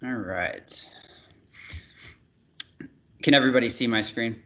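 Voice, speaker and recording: A man giving a relaxed sales presentation over a video call, with frequent fillers and restarts. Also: mid-range voice, takes it slowly, a little hiss or hum. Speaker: regional sales manager presenting a webinar. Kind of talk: casual product presentation. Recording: dull, muffled webinar audio.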